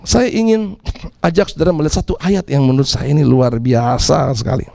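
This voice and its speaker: A man preaching a sermon, dramatically acting out the people in his story with shouts and laughter. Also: fairly high pitch, a little fast, vocal fry, no echo. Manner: animated, acts out characters with shouts and laughs. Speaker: pastor.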